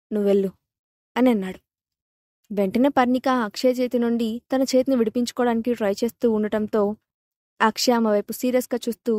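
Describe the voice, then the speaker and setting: A woman's voice: on the high side, darkish tone, no echo, clean studio sound. A woman narrating a serialized audio story, reading every character's lines in her own voice.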